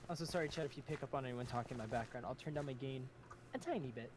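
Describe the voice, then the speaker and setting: A woman's voice: a bass voice, very fast, background noise. A young adult woman streaming from home on a desk mic, chatting in a rambling, laughing way. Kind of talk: casual stream chat. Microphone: desk condenser mic.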